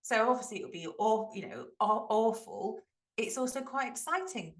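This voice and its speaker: A woman's voice: on the high side, moderate pace, reverberant. A woman in her forties co-hosting a podcast, telling stories in casual chat and acting out quoted lines. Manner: animated storyteller, acts out quotes. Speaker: podcast co-host.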